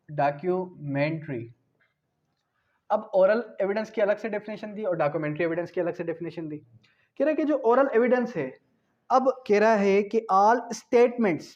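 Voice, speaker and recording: The voice sits high with a darkish tone: a Pakistani-accented law lecturer teaching for an exam. Moving between Urdu and English phrases he reads slowly, he recites definitions, repeats key wording, and asks rhetorical questions along the way. The audio is dull and lo-fi.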